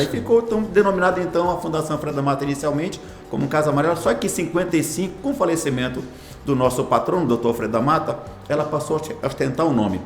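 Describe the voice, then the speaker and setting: The speaker is a man in his sixties, director of a hospital foundation, whose voice sits on the high side. He answers interview questions in a ceremonious, formal style full of long phrase lists, and the recording has a roomy sound.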